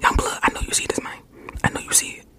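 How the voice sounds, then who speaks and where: A woman voicing a friendly, boastful streetwise uncle in an ASMR roleplay, whispering softly, with lots of slang and repeated words. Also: fast, lightly acted. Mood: playful whisper. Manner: soft whispering, repetitive, slangy. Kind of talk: ASMR roleplay, bug-searching.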